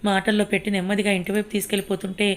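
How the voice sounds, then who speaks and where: A woman narrating a serialized audio story in a calm, even way. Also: medium pitch, racing. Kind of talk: scripted narration.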